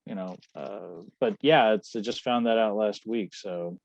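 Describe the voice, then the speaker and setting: A man in a casual podcast chat, rambling and restarting his sentences as he guesses at what comes next. His voice sits fairly low. The recording is dull and close, with no room sound. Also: measured pace, no room sound. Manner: rambling, self-correcting, speculative. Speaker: guest.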